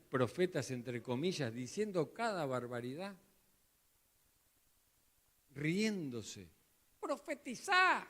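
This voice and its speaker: Brief: Rioplatense male pastor, slow emphatic sermon, higher voice, long church-hall reverb. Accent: Rioplatense Spanish. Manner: emphatic preaching, repeats words for emphasis.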